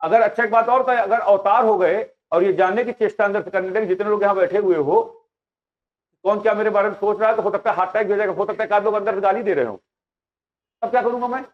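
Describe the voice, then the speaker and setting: A man's voice: high-pitched, quick pace. A male teacher giving a classroom lecture, quizzing his live students with repeated questions. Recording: dull lo-fi sound.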